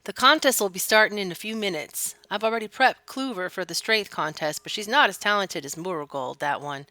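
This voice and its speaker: A woman's voice: medium pitch, fairly quick, sharp tone, no room sound. A woman voicing a melodramatic old male farmer from a video game, folksy and theatrical. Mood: folksy, eager. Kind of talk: video game character read-aloud.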